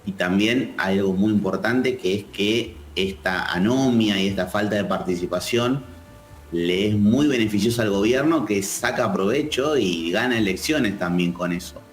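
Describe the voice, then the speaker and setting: A man with an Argentine accent, a political analyst answering interview questions in a measured, thoughtful way. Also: on the low side, reverberant. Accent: Argentine Spanish. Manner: measured, thoughtful, with frequent restarts.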